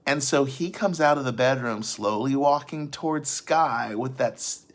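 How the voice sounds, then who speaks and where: A man's voice: mid-range voice, unhurried. A man casually recapping a film's plot for his vlog audience, rambling, often restarting sentences and adding asides. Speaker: vlogger recapping a film.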